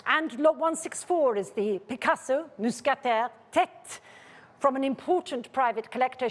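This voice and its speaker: A woman with a fairly high voice runs a live auction in a large, reverberant room. She calls and repeats bid figures with polite, controlled insistence, keeping steady command of the sale.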